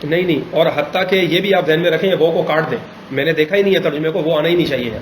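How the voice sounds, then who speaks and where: A man's voice: fairly high pitch, reverberant, a little hiss or hum, rough recording. A male teacher leading an Arabic grammar class, patiently correcting and quizzing his students.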